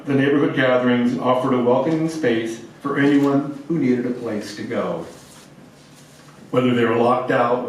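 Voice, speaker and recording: A man formally reading a prepared eulogy as officiant of a memorial service, in measured, solemn phrases. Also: mid-range voice. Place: large echoey room at a gathering. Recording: echoey hall, distant mic, faint noise.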